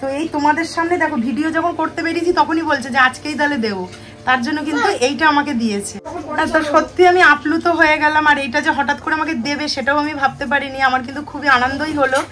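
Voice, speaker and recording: Racing along in a high voice, a woman in her thirties, a mother, chats casually with her viewers while vlogging on a phone, first walking down a street and later at home. She addresses them directly, and music plays in the background.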